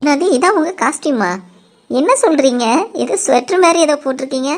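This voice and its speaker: A woman's voice: high voice, fairly quick, natural voice. A woman voicing a bantering middle-aged in-law in a cartoon, playful and teasing. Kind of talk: cartoon voice acting.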